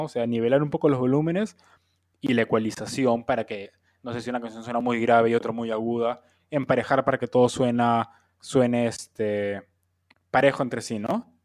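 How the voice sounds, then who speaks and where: A man with a middling pitch explains studio mixing and mastering in a patient, step-by-step way. He fills his pauses often and checks in with short tag questions as he goes. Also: steady tone, darkish tone. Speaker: mixing engineer. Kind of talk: explanatory talk.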